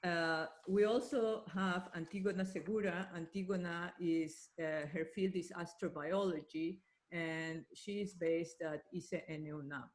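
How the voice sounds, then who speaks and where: A woman's voice: fairly low pitch, steady tone, a little slow, few pauses. A woman hosting an online meeting and moderating a panel, organizing things as she goes and switching between two languages, heard through a computer mic on a video call.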